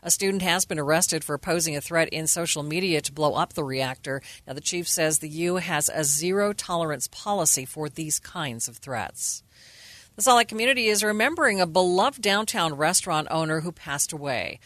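A woman's voice: low-pitched, normal speed, a bit bright, no room sound. An American woman anchoring radio news, reading a scripted newscast.

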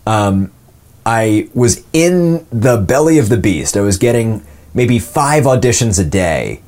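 A voice actor in his twenties appears as an interview guest, telling stories in a casual, self-deprecating way. His polished, announcer-like voice sits fairly low with a darkish tone, and he speaks expressively and slowly.

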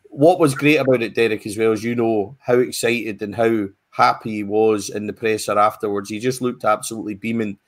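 A man's voice: fairly low pitch, fairly even intonation, brisk. A man chatting casually as a football pundit, with frequent fillers and restarts.

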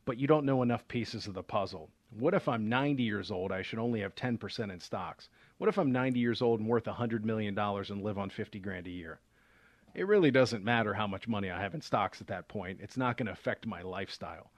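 Speaking fast in a lowish voice with no room sound, this man hosts a radio show as a financial advisor. He explains investing conversationally, with plenty of fillers and false starts.

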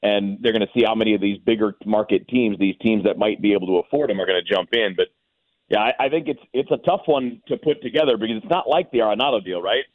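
A man's voice: on the low side, fast talker, dry recording. A man talking sports casually and informally as a radio guest, heard over a phone line. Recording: tinny, narrow phone line.

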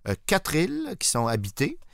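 A man with a Québécois accent co-hosting an educational podcast, animated and jokey. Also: a little high, normal speed, gravelly, no echo, studio quality. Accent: Québécois French. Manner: animated, jokey, bursts into shouts. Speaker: podcast co-host. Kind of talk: playful educational chat.

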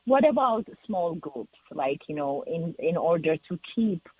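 An Ethiopian man with an Ethiopian accent calls in to a radio talk show for a casual chat, speaking hesitantly and using lots of fillers. His voice is a little high, sing-song and slightly rough, and he takes his time. It comes through a telephone on a tinny line.

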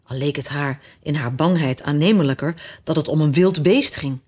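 A woman narrating a children's storybook in an expressive reading voice. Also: low voice, moderate pace. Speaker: audiobook narrator.

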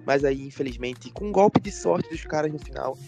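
A man's voice: mid-range voice, animated, normal speed, vocal fry, warm tone, faint music behind. A man, co-hosting a podcast in casual sports chat. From Recife, Brazil. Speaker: podcast co-host.

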